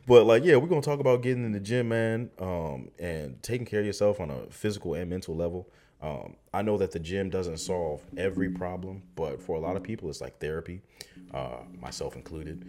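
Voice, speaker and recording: A man's voice: low-pitched, moderate pace, darkish tone. A young man hosting a casual podcast, laughing often and swearing a lot as he talks. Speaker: podcast host.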